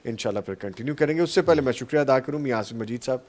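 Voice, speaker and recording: A man's voice: medium pitch, darkish tone. A man hosting a live religious talk show and taking phone calls, with polite, formulaic customer-service courtesy toward those he addresses. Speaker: host of a live religious TV transmission.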